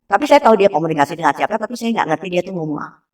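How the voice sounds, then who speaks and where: A woman in her thirties telling a personal story in a casual, animated way, acting out the voices of people she quotes. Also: lowish voice, very fast. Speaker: interview guest. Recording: voice slightly distant from mic.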